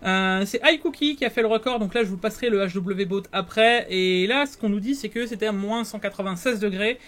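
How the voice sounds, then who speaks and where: High-voiced tech news co-host. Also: male voice, fairly quick. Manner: animated, questioning, many fillers. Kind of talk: casual tech news chat.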